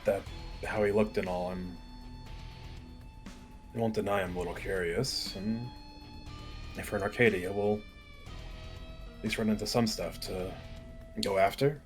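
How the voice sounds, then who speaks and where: A man's voice: fairly low pitch, steady tone, unhurried, long pauses, soft background music. A man playing in a tabletop game, speaking casually in and out of character. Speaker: player. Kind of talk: tabletop role-play chat.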